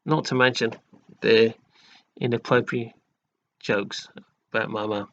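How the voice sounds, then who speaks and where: A man in an aggrieved, halting vlog rant who keeps repeating himself and restarting his sentences. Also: medium pitch, steady tone, a bit bright, lo-fi sound, slight background noise. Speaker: vlogger. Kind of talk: slow, halting rant to camera.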